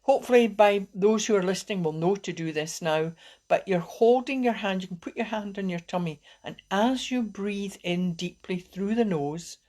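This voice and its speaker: A woman wellbeing coach teaching calming techniques on a live video, talking in a gentle, encouraging way and often restarting her sentences. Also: mid-range voice, moderate pace.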